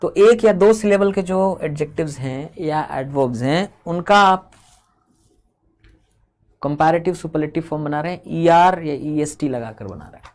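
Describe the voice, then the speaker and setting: A man's voice: on the high side, darkish tone. A man teaching a grammar lesson, explaining step by step and drawing out each example word. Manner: explains step by step, slows and drags out example words.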